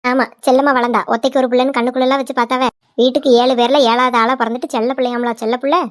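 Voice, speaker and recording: A woman's voice: sits high, steady tone, racing, no echo, close to an everyday voice. A woman playing a nagging old village mother-in-law. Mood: scolding. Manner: nagging, scolding. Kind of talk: cartoon voice acting.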